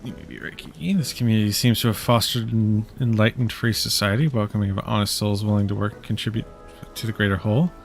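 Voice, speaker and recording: A man voicing a theatrical, fatherly gentleman in a fantasy game, speaking in a formal, lofty way. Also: on the low side, steady tone, fast talker, gravelly, soft background music, pitched below the performer's own voice. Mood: musing.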